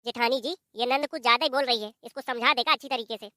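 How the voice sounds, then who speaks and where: A sharp-tongued young daughter-in-law glued to her phone, in a village cartoon, voiced by a woman. She sounds sassy and defiant in a high, bright voice, recorded close and dry. She speaks with a Bundelkhandi Hindi accent. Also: fast, no room sound. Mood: threatening.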